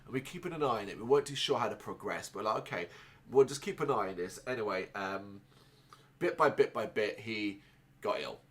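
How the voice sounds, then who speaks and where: A man who grew up in Ireland, talking through a casual personal monologue in a rambling, halting way, with many restarts and fillers. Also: on the low side, animated, fairly bright tone. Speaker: podcast host.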